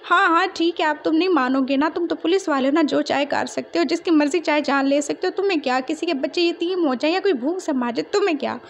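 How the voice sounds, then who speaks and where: Whiny, rambling man-child played by a woman, high voice, faint noise behind. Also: fast talker, few pauses. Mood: whining. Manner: rambling, complaining, tearful. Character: childish chatty tall young man, whiny. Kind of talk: fan fiction storytelling.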